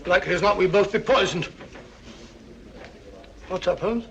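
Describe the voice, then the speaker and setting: A muffled, noisy old film soundtrack carries a blustering middle-aged Englishman. He is a bluff doctor sidekick, fussy and grumbling, with a high voice for a man. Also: moderate pace, gravelly, fairly bright tone. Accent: British English. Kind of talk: 1940s film acting.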